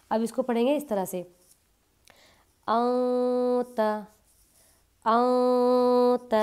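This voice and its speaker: A woman teaching Quran recitation, explaining patiently and drawing out example words slowly. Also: on the high side, warm tone.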